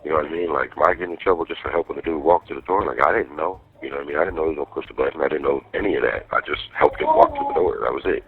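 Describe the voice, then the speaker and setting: Gravelly man on a tinny prison phone. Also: extremely low pitch, big pitch swings, very fast, few pauses, faint music behind. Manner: rambling, earnest, street slang. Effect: heard over a prison phone line. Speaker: inmate on a phone call. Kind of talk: casual phone chat with partner.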